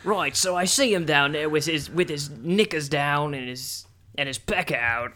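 A man's voice: fairly high pitch, normal speed, sharp tone. A man voicing a drunk rural English man who rambles crudely, in a put-on rural English accent. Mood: gossiping.

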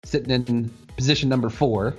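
A man's voice: medium pitch, steady tone, moderate pace, breathy edge, lo-fi sound, faint music behind. A man hosting a podcast in an informal, jokey, chatty way. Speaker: podcast host. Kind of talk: casual chat.

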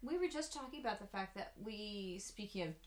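A woman co-hosting a podcast in casual chat, cheering her partner on with quick interjections. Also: medium pitch, animated. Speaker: podcast co-host.

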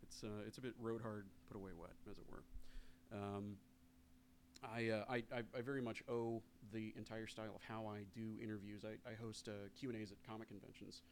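A man's voice: fairly low pitch, level tone, a little fast, a little hiss or hum. A man in his thirties interviewing casually, deferential and wordy, often feeling his way through a question. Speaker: interviewer, convention Q and A host.

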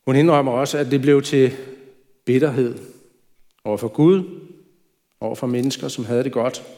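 A man's voice: medium pitch, warm tone. A man preaching a sermon in a church, talking in a conversational way with light asides. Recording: reverberant church hall.

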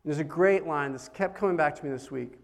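A middle-aged man giving a conversational sermon as a pastor, telling stories in a casual, animated way with big swings in loudness. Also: a little high, fairly quick, vocal fry.

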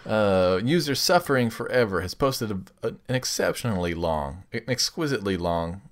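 A man's voice: lowish voice, very animated, moderate pace. A man co-hosting a casual comedy chat, playfully reading a listener's text aloud with mock dramatic emphasis. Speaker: podcast co-host reading listener prompts.

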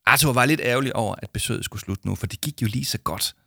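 En mand, der roligt og jævnt læser en børnehistorie op som fortæller. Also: male voice, mid-range voice, creaky, bright, forceful tone, breathy edge, dry recording, studio quality. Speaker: narrator. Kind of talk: storybook narration.

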